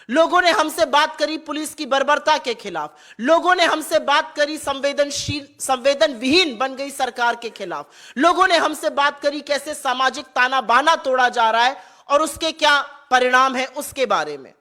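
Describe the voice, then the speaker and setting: Forceful bright-voiced political woman speaker. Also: high voice. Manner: forceful, rhetorical, rallying. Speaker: party spokesperson. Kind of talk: political speech.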